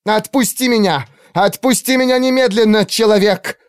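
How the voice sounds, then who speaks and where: A man voicing a fierce young female elf archer who shouts defiantly. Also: high voice, normal speed, smooth, dry recording, studio quality, pitched above the performer's own voice, lightly acted.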